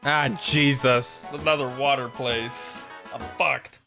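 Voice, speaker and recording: A woman streamer casually reacting to her game in low asides, swearing and laughing at herself. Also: steady tone, slow pace, over music. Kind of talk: casual let's-play chat.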